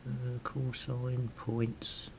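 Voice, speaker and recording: Very slow with vocal fry, a British hobbyist video host thinks aloud and mutters to himself as he works through a casual how-to. The rough recording carries steady background noise and a low rumble.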